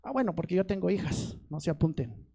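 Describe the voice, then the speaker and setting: A man's voice: high voice, expressive, fairly quick, creaky, dark tone. A middle-aged male pastor preaching a sermon, asking the congregation questions and pleading with growing fervor.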